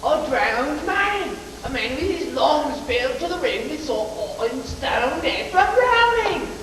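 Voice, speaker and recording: A teenage boy acting in a school stage play as a scheming male tramp who sells shows of himself, with slow theatrical salesman's patter. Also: very high voice, big pitch swings, music in the background, heavily acted. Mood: pushy. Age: teens. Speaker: student actor. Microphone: distant camcorder mic. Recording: echoey auditorium, far from camera, hiss.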